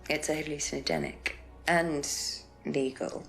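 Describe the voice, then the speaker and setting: A woman's voice: low voice, steady tone, a little slow, creaky, faint music behind. A woman playing a frank, matter-of-fact pub landlady in a video game. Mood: knowing.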